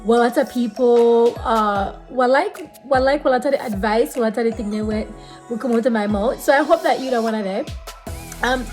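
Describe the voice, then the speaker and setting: A woman in her late thirties with a Belizean Creole accent, talking casually and earnestly, repeating phrases for emphasis as she offers encouragement. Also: on the high side. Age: late 30s. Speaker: vlogger giving faith advice. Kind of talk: casual talk to camera with spiritual encouragement.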